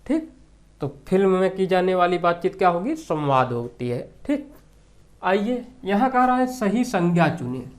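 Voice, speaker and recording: Exam-prep teacher, unhurried lecture, mid-pitched voice, repeats key terms, asks rhetorical questions. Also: big pitch swings. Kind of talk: classroom lecture explaining grammar questions.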